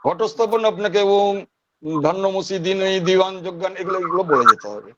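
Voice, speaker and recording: High-voiced West Bengal man teaching. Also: brisk, muffled recording. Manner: explains step by step, repeating single sounds to demonstrate pronunciation. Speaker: teacher of priestly rites. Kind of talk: online class lecture.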